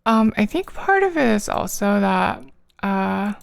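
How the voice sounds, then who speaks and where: A woman's voice: mid-range voice, big pitch swings, measured pace, creaky. A tired woman streamer chatting casually with her viewers while she draws, rambling with lots of fillers. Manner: rambling, many fillers, soft laughs.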